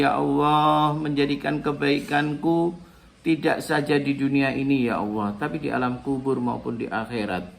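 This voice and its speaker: A middle-aged man, his fairly high voice roughened by a gravelly edge. He gives a religious talk and prays aloud, earnest and pleading, letting each phrase sink soft and low at its close. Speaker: Islamic speaker. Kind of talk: religious talk with spoken prayer.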